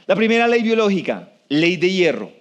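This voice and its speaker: Man giving a lively talk. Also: high-pitched. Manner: conversational, asks the audience questions; slows down for emphasis. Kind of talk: live talk to an audience.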